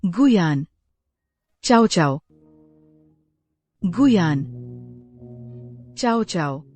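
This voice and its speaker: A woman's voice: fairly low pitch, lively intonation, very slow, a little mellow, faint music behind, heavily acted. A woman voicing a remorseful imprisoned ex-wife in a dubbed drama, speaking in an emotional, pleading way.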